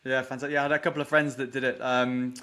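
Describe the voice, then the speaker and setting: A man's voice: medium pitch, little pitch movement, racing, bright, forceful tone. A man hosting a podcast interview, earnest and appreciative, often repeating words as he talks. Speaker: podcast host. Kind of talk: interview wrap-up, asking questions.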